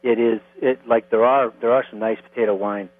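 A middle-aged man from Connecticut, a distiller being interviewed, explaining things step by step in a plain, unhurried way. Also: medium pitch, fairly even intonation. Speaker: guest, distiller. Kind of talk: phone interview. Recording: tinny phone line with mains hum.

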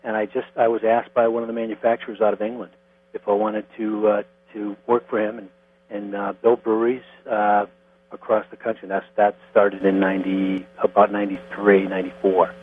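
A middle-aged man from Connecticut, a distiller being interviewed, explaining things step by step in a plain, unhurried way. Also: on the low side, little pitch movement, breathy edge, no echo. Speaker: guest, distiller. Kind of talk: phone interview. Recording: tinny phone line with mains hum.

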